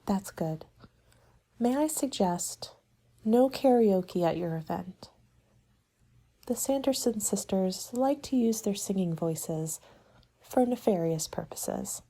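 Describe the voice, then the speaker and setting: In a soft-spoken ASMR roleplay, a woman plays a party planning agent, her medium-pitched voice dark, relaxed, breathy, and a little husky. She speaks politely and in a measured, businesslike way, like a consultant taking a client through options.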